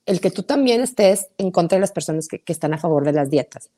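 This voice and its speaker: A woman, a podcast guest who tells a story in lively casual conversation, acting out the dialogue and slipping in English phrases. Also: fairly low pitch, fast. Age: 40s. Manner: animated storyteller, acts out quoted dialogue, mixes in English phrases.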